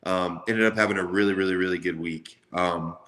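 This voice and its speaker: A man's voice: deep voice, fairly even intonation, a little fast, fairly bright tone. A man in his twenties chatting casually in an interview as a college football player, with a loose, slangy way of talking. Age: 20s. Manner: loose, slangy, repeats "like" often.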